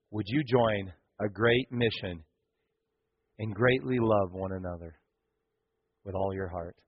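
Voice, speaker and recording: A man's voice: fairly low pitch, slightly rough, no room sound, narrow, tinny audio. A male pastor preaching a sermon, telling the story animatedly and speaking directly to the congregation.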